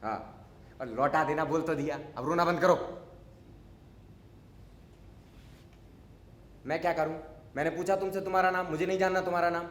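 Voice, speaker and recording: A man's voice: a little high, quick pace, fairly bright tone, reverberant, close to an everyday voice. A man acting a grumpy, unsociable neighbor in a stage monologue, talking in a scolding, sarcastic, lecturing way. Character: grumpy unsociable male neighbor, middle-aged. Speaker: stage actor. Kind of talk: theatrical monologue.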